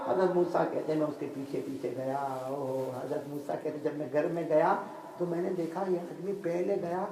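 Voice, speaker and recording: A man preaching a storytelling sermon in a mosque, speaking dramatically and swinging between loud and hushed delivery. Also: a little high, fairly even intonation, normal speed. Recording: echoey mosque hall, faint ambient noise.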